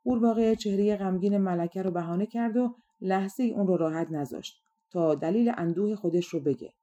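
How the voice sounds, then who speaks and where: A woman narrating a fairy tale audiobook in a calm, measured storytelling manner. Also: medium pitch, dull audio.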